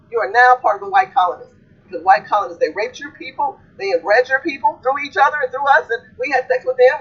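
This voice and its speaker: A woman's voice: a little high, husky. A woman hosting a livestream, lecturing her audience in an emphatic, repetitive, preaching style. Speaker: livestream host. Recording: dull lo-fi stream audio.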